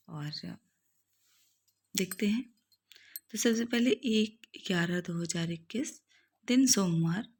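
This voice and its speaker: A woman who teaches primary school, reading out her class diary in a steady, list-like way with short pauses. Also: mid-range voice.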